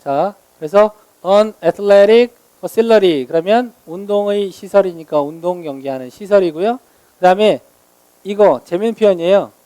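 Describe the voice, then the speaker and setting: A man teaching English vocabulary in a lecture, explaining meanings and slowly modeling each word's pronunciation. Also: sits high, warm tone, no echo.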